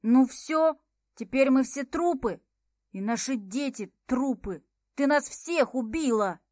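A woman's voice: medium pitch, a little slow, no echo, natural voice. A woman voicing a cowardly young man who shrieks and pleads in panic. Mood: panicked.

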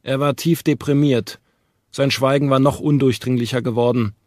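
A male audiobook narrator delivers scripted narration at a medium pitch, telling the story in a calm, measured way. The studio-quality recording carries no room sound.

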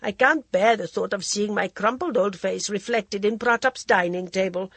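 A woman's voice: mid-range voice, normal speed, a bit bright, breathy edge, no room sound. A woman voicing a worldly, imperious older Indian society lady who drawls theatrically and calls everyone darling. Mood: arch, languid.

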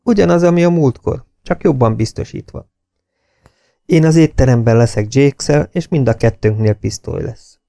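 A man's voice: medium pitch, creaky, warm tone, no room sound, studio quality, natural voice. A man voicing a tense, commanding army officer in an audiobook. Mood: determined. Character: tense British intelligence officer.

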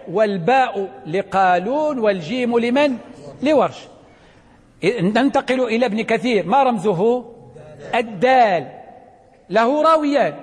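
A man's voice: very high voice, in a large hall. A man teaching a class, asking students questions and repeating the key points. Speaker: teacher of Quran readings. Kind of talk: classroom lecture. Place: classroom with a blackboard.

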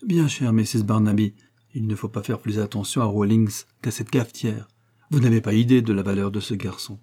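A man's voice: fairly low pitch, fairly even intonation, brisk, mellow, breathy edge. A man reading an audiobook voicing an effusive, evasive aristocratic lord who chatters jovially and talks over others. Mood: breezy jovial.

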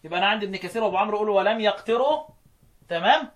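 A man with an Egyptian accent teaching Quran recitation, chanting verse lines slowly and then explaining them quickly while quizzing his students. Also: sits high, expressive. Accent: Egyptian Arabic.

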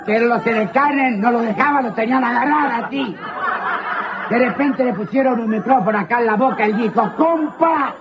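Man, very high voice, comic storytelling monologue, dull hissy archive recording. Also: fairly quick. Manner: storytelling with quoted voices, audience laughter. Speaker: comedian doing a monologue.

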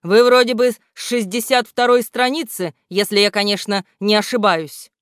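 A woman's voice: mid-range voice, normal speed, clear, resonant tone, no echo, studio quality, close to an everyday voice. A woman voicing a grumpy, irritable male storybook guardian who snaps at others. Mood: weary. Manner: irritable, snapping. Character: grumpy know-it-all male book guardian.

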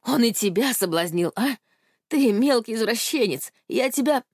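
A woman's voice: fairly high pitch, expressive, normal speed, a little mellow, husky, no room sound, studio quality. A woman voicing a grieving, furious middle-aged father who accuses and then breaks down. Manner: accusing, then broken and faltering.

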